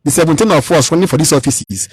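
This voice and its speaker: A Nigerian man in his thirties talks at a rapid clip, pressing his points hard and circling back over his own words. His voice sits high and has a slightly husky grain, recorded close and dry on a radio mic. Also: no room sound, poor audio. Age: 30s. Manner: emphatic, repeats and restarts phrases. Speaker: political candidate. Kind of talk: radio interview.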